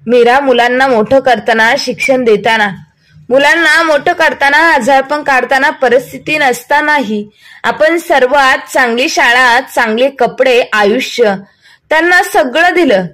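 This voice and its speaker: A woman voicing an elderly retired father who shouts in bitter hurt at his sons. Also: high voice, a little slow. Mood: grieving.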